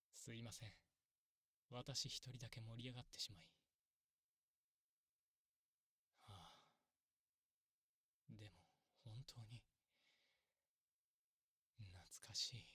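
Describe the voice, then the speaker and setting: A man playing a kindly, long-lived elf priest in an ASMR role-play, very polite, soft and measured. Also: mid-range voice, slightly rough, no room sound, studio quality, exaggerated voice. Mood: wistful, nostalgic.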